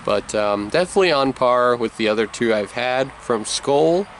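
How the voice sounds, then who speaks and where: A product reviewer talks outdoors with a wad of chewing tobacco in his mouth, giving a casual, rambling review. His voice is medium in pitch and animated, at a normal speed. The recording is noisy, with loud people nearby and traffic passing in the background.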